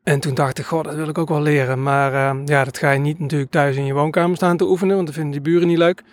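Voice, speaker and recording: A man's voice: fairly high pitch, fairly even intonation, fast, dry recording, clean studio sound. A man who records nature sounds, telling stories in a casual interview and rambling hesitantly with many filler sounds.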